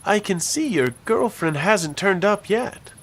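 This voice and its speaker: A man's voice: high voice, lively intonation, measured pace, fairly bright tone, full character voice. A man voicing a wry young male detective in a game, full of dry, sarcastic asides. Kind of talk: game voice acting.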